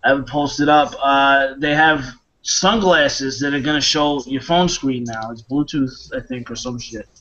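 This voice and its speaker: A man's voice: medium pitch, animated, measured pace, a bit bright. A man co-hosting a tech show, making offhand wisecracks. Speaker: podcast co-host. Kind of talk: casual chat. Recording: dull lo-fi sound.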